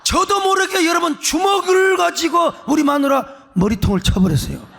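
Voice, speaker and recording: A man who is a pastor preaching a sermon, telling a story with acted-out voices and shouts. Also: very high voice, lively intonation, normal speed, gravelly. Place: large church sanctuary. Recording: long hall reverb.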